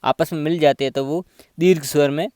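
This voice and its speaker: Man, teacher, patient step-by-step explaining, smooth clear voice, slightly high pitch. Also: steady tone, a little fast, a little mellow, dry recording, clean studio sound. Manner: patient, spells out examples one by one. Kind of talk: slow grammar lesson.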